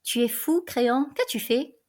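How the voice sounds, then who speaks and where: A woman reading aloud the part of the chorus, gravely urging the king to show mercy. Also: high-pitched, a little slow.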